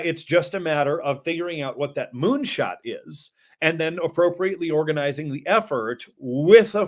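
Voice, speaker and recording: A man, a documentary filmmaker, giving earnest, lengthy interview answers with many fillers over a video call. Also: on the high side.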